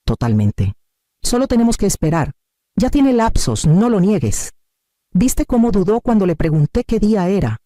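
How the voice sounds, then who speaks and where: A man's voice: high voice, very animated, moderate pace, dark tone, dry recording, clean studio sound, pitched above the performer's own voice. A man voicing a scheming, cold-hearted woman, the daughter-in-law, who speaks in a controlled, calculating way.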